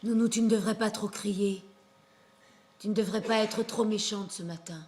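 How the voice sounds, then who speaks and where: An actress playing a young, resolute princess on a theater stage, speaking quietly, gently and firmly. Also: female voice, medium pitch, steady tone, normal speed, natural voice. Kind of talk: stage acting. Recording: roomy stage.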